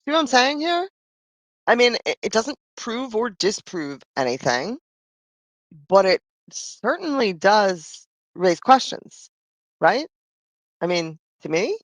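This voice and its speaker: A woman's voice: medium pitch, big pitch swings, slow, no echo. A woman hosting a casual live stream, chatting in a rambling way and losing her voice. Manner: chatty, rambling, frequent "I mean" and "right?". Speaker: livestream host.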